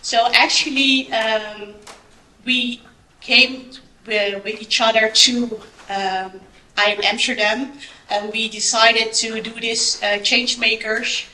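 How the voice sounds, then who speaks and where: High bright-voiced woman in an echoey hall. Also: fairly even intonation, slow pace. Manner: hesitant, with many ums. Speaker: gala speaker. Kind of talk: short speech at an event. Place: event hall. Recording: echoey hall, light noise.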